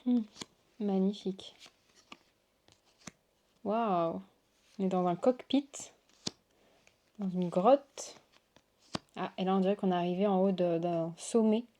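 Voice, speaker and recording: A woman's voice: mid-range voice, takes it slowly, long pauses, warm tone, slight background noise. A woman hosting a casual unboxing chat, gushing and exclamatory as she shows cards to her viewers. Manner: gushing, exclamatory, lots of waouh and oh là là. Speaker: tarot reader and channel host.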